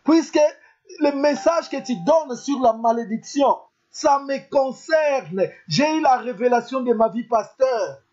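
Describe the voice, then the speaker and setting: A man's voice: very high voice, animated, unhurried, a little mellow. A man preaching a sermon as a pastor, emphatic and repetitive, calling out to his listeners over and over. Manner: emphatic, repetitive, calls out "beloved" constantly. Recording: dull lo-fi sound.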